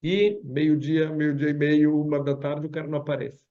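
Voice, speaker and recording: A man's voice: a little high, moderate pace. A man, a rabbi giving a religious lesson on Psalms over a video call, who tells parables and acts them out. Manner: storytelling, acts out parables with lively voices. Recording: dull lo-fi video call audio.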